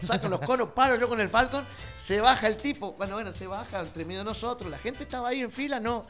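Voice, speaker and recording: A middle-aged man with an Argentine accent tells a circus story on a radio show. He talks fast, in a high, bright voice. He acts out the people he quotes as he goes. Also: soft background music. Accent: Argentine Spanish. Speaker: circus owner guest.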